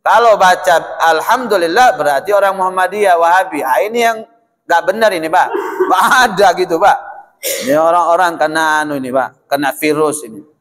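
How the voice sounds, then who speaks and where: A man preaching in a folksy, conversational way, his voice sitting high for a man. He keeps checking in with his listeners as he goes. Long reverb from the mosque hall trails behind each phrase. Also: a little fast, a bit bright. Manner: folksy, addresses the audience as "Pak", often adds "ya". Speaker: ustadz giving a mosque lecture. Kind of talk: sermon.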